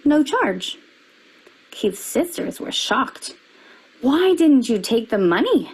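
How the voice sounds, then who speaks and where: A woman reading a children's picture book aloud, with expressive storybook delivery that rises for quoted lines. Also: high voice, slow pace, low-quality recording.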